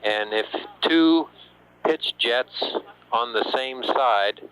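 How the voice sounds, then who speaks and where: A man's voice: medium pitch, extremely slow, a bit bright, smooth, poor audio. A man at mission control giving businesslike, technical instructions over space radio as capsule communicator. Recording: hissy space-to-ground radio.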